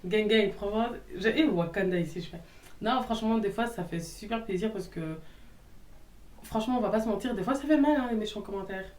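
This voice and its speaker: A woman's voice: medium pitch, brisk, a little mellow, recorded from a distance. Sassy young woman in an echoey room. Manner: outspoken, sassy, talks straight to viewers. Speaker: YouTuber answering hater comments. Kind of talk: casual vlog chat. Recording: roomy echo, a little off-mic.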